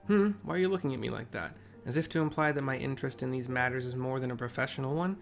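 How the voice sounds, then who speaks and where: A man's voice: mid-range voice, fast talker, creaky, natural voice. Guy doing snooty inquisitor from a fantasy game, formal n stern, music underneath. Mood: haughty, evasive. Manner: formal, pompous, declarative. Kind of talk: game dialogue read aloud.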